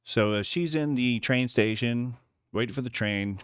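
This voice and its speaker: A man's voice: medium pitch, moderate pace, fairly bright tone, smooth, no room sound, studio quality. A man who composes film music, casually talking through the story of a short film and voicing the character's thoughts in playful quotes. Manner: narrates the woman's thoughts in playful quoted voices, laughing often. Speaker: composer breaking down his film score.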